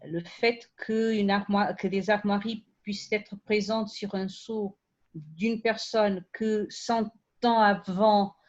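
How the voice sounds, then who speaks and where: A woman with a foreign accent in French, speaking as a non-native academic on a panel. Her delivery is slow and halting, with restarts while she looks for the right word. The recording is slightly dull and lo-fi. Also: mid-range voice, steady tone, a little mellow. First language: not French. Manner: halting, searching for words, with frequent restarts. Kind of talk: unscripted round-table academic discussion.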